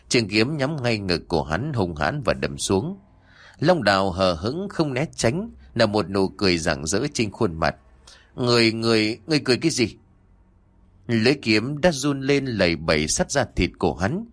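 A man narrating a martial-arts novel audiobook in an expressive, dramatic storytelling way. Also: on the low side.

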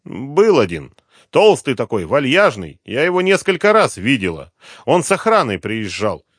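A man's voice: huge pitch swings, normal speed, slightly rough, no room sound, studio quality. A man reading an audiobook, voicing a brash, defiant young woman in her twenties who snaps and mocks. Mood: sullen. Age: 20s. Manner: shrill, snapping, mocking. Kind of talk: audiobook character voice.

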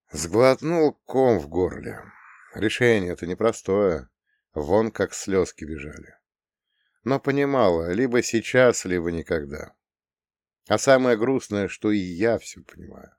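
Male audiobook reader with a low voice, dry and close, telling the story wryly in the first person. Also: no echo.

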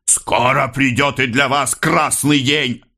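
A man reading an audiobook voices a stubborn, defiant peasant rebel who shouts heavy, accusing words. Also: medium pitch, steady tone, slow, voice pushed up.

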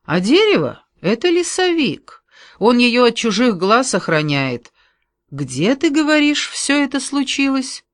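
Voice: medium pitch, sing-song, measured pace, a bit bright, dry recording, clean studio sound, voice pushed up. A reader doing an eager, romantic forester. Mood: cheerful. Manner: eager, cheerful, solemn at times. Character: romantic cheerful middle-aged male head forester.

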